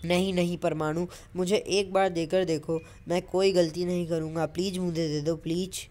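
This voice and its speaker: Woman as teasing, wheedling young male comic character, low-set voice, voice-over dub. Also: level tone, moderate pace, warm tone, lightly acted.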